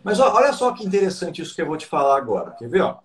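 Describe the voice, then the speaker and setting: A man's voice: a little high, sing-song, racing. A Brazilian man, a business coach guesting on a live online talk, explaining points with frequent tag questions.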